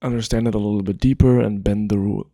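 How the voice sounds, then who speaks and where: A man with a lowish voice talks through a game strategy idea in a loose, easygoing way, drifting into asides and leaning on lots of fillers. The sound is dry and close, with no room around him. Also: fairly even intonation, fast talker, creaky, warm tone, dry recording. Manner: laid-back, rambling, many fillers. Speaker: gaming video creator. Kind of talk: casual explainer monologue.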